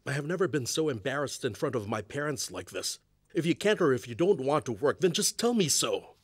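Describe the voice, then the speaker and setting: A man's voice: medium pitch, expressive, fairly quick, breathy edge, dry recording. An actor dubbing a young husband who speaks firmly to his father and wife. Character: young husband, calm son. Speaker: dub actor. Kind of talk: drama dub.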